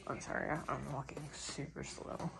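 A woman's voice: rumbling low, level tone, moderate pace, creaky, noisy background. A woman rehabbing opossums, chatting offhandedly as she cleans and feeds them and talking to the animals, indoors at home. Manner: chatty and offhand, talks to the animals, casual swearing. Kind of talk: casual vlog chat while caring for animals.

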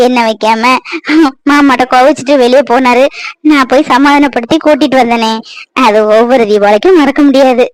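A woman's voice: high voice, normal speed, no room sound, lightly acted. A woman voicing a struggling young mother in a cartoon, pleading through sobs, with speech. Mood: wistful. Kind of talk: cartoon voice acting.

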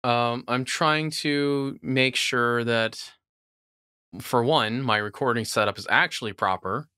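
Bright, crisp-voiced opinionated man. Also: mid-range voice, slow pace, no room sound, clean studio sound. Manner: opinionated, rambling about audio gear. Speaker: podcast co-host. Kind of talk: casual podcast chat.

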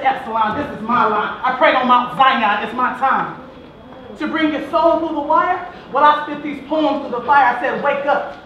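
A woman performing spoken word poetry on stage, rhythmic and rising to shouts. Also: high-pitched, slight background noise. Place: large hall. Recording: echoey hall from far off.

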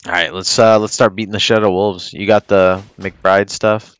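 A man's voice: deep voice, fairly even intonation, normal speed, fairly bright tone, smooth, no room sound. A man chatting casually over gameplay with a friend like a hyped gamer bro, slangy and sweary. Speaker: gaming streamer.

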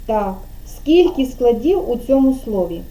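A woman's voice: fairly high pitch, sing-song, a little slow, mellow, slight background noise. A woman kindergarten teacher giving an online speech lesson to a child over a video call, patiently drawing out syllables and prompting.

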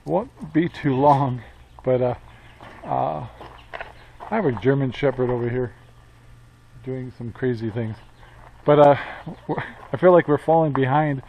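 An older man in his sixties talks casually into a camera held at arm's length outdoors, wandering from thought to thought with plenty of "uh"s and restarts. His voice sits at an ordinary middle pitch. The audio is a bit dull and lo-fi. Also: a little slow, vocal fry, pauses often, slight background noise. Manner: rambling, many fillers and restarts. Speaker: homestead vlogger. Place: outdoors by a metal barn. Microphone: action camera at arm's length.

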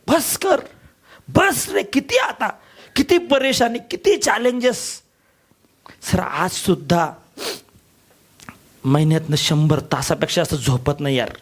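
Impassioned high-voiced motivational speaker. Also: male voice. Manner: impassioned, shouting and repeating rallying cries. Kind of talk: emotional motivational speech to an audience.

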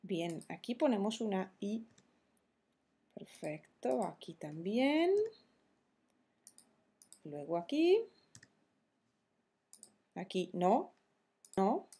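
A woman teaching verb conjugations in a slow, careful tutorial, spelling out each form deliberately. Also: medium pitch, very animated, mellow, breathy edge. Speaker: Spanish teacher.

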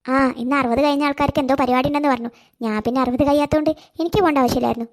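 A woman voicing a kindly, motherly middle-aged neighbor in a cartoon, coaxing and warm. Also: high voice, fairly even intonation, rapid-fire, pitched below the performer's own voice. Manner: warm coaxing, calls the girl dear. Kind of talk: cartoon voice acting.

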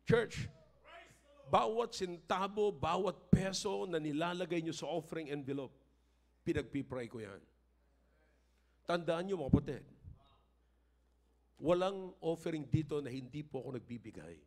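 An older man with a Filipino accent, a pastor giving a sermon that moves between emphatic, raised-voice appeals and relaxed personal storytelling. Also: a little high, moderate pace, long pauses.

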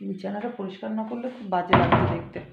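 A woman's voice: mid-range voice, fast, gravelly, reverberant, dull audio, heavy background noise. A woman chatting casually to viewers as she cooks at home in her kitchen. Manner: chatty, addresses viewers directly. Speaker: family vlogger. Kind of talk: casual cooking vlog.

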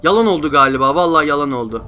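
Young man, gameplay commentary, frustrated, high voice, faint background music. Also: animated, rapid-fire, bright, forceful tone, clean tone. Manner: frustrated, groaning, repeats himself. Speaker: gameplay streamer.

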